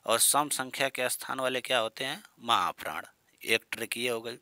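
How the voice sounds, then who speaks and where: A man's voice: medium pitch, normal speed, sharp tone, no echo. A man teaching Hindi grammar in an online exam-prep lesson. He asks his students questions and repeats the key terms, with playful jokes and mild scolding.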